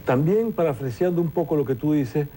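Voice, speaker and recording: A man's voice: a little high, expressive, brisk, dark tone, slight background noise. A man, a television presenter guest in an interview, talking reflectively and telling anecdotes with frequent restarts. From Venezuela. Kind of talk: conversational interview storytelling.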